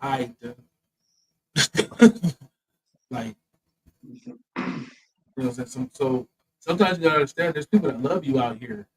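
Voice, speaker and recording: A man's voice: mid-range voice, expressive, slow, pauses often, fairly bright tone, husky, rough recording. A man, a comedian and co-host, in casual chat, telling a personal story with profane, emphatic asides.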